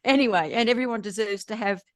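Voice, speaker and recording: An Australian woman telling lively stories as an interview guest, often laughing between anecdotes. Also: mid-range voice, fast talker, no echo, clean studio sound. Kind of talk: storytelling in casual interview chat.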